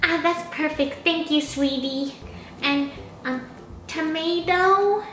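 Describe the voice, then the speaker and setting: Comedy skit: woman playing a high, slow-talking picky customer ordering toppings, roomy echo. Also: bright, forceful tone, soft background music, full character voice. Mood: fussy. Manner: hesitant, full of ums and excuse-mes. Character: fussy picky female sandwich-shop customer.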